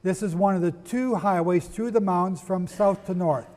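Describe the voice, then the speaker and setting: A man giving a sermon-style history lecture, firing rhetorical questions at his listeners, spelling out names and rushing to get through it. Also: sits high, dark tone, long reverb tail. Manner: asks the audience rhetorical questions; rushes, apologizes for talking fast. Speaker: preacher.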